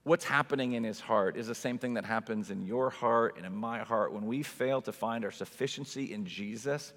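A pastor in his forties preaches a conversational sermon in a mid-range, slightly bright voice at normal speed. He's informal and emphatic, full of rhetorical asides, and his words echo with the long reverb of a large church hall.

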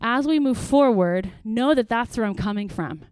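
Lively high-voiced woman pastor. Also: normal speed, clear, resonant tone, no room sound. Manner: lively storytelling, acts out quotes with bursts; earnest, preachy asides of praise. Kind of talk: parent workshop talk.

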